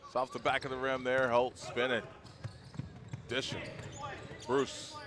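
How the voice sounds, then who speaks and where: A man calling basketball play-by-play in quick, clipped calls of names and plays. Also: medium pitch, monotone, a crowd in the background. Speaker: play-by-play commentator. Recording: loud background noise. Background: loud noise, clicks, basketball bounces.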